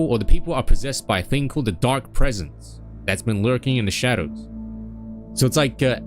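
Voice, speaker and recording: A young man recapping a story in a casual, rambling way, with many fillers and asides. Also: lowish voice. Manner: rambling, with frequent fillers and acted-out voices. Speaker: streamer.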